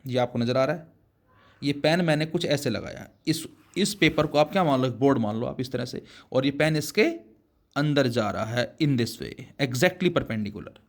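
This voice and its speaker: A man teaching a physics lesson, explaining slowly and addressing his students as children, with words his speech. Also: medium pitch, expressive. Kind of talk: classroom lesson.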